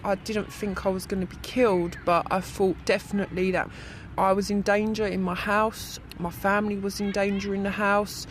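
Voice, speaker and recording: A woman's voice: mid-range voice, flat delivery, normal speed, a little hiss or hum. Young woman, voice disguised. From South London. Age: young adult. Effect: electronically disguised voice. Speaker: anonymous witness. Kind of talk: interview testimony.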